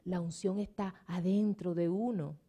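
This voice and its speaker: This sermon comes from a middle-aged woman pastor with a lowish voice and a measured pace. Emphatic and animated in her storytelling, she keeps slipping into English words.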